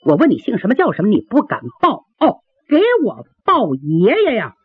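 Woman storyteller doing a fiery young princess, imperious and husky, dry phone-like sound. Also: mid-range voice, huge pitch swings, moderate pace, no room sound, heavily acted. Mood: furious. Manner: imperious, scolding. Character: young proud princess, quick-tempered and commanding.

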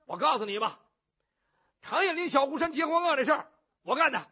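A male storyteller voicing a brash, boisterous young warrior who shouts and blusters. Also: very high voice, big pitch swings, fairly quick, pitched above the performer's own voice, exaggerated voice. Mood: boastful. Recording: muffled lo-fi recording.

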